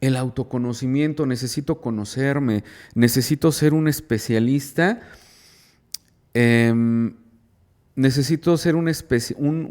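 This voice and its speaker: A man's voice: mid-range voice, darkish tone. A man, a psychologist giving an informal radio talk to a group, who often repeats and restarts phrases, asks emphatic rhetorical questions and checks in with his listeners. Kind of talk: informal lecture to a recovery group.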